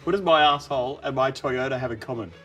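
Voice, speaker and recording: A man's voice: mid-range voice, quick pace, loud music behind the voice. A man telling crude dad jokes as a challenge contestant, setting up a question and landing a blunt punchline. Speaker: contestant in a try-not-to-laugh joke challenge.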